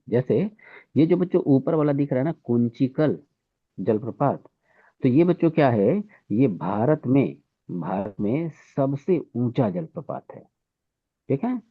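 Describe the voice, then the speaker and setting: Husky teacher, tinny sound. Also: male voice, mid-range voice, very animated, measured pace, dry recording. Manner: repetitive, keeps saying "theek hai". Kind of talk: exam-prep lesson. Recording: tinny phone-like audio.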